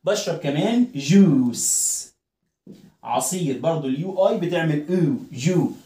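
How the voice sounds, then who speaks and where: A man's voice: on the high side, lively intonation, measured pace, dark tone. A male English teacher with an Egyptian Arabic accent, giving a phonics lesson and repeating each word over and over for students to copy. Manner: drills pronunciation, repeating words many times. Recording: roomy echoing room.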